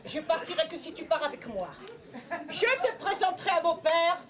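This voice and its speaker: A woman's voice: very high voice, animated, normal speed, voice pushed down. A woman voicing an earnest young man who promises marriage.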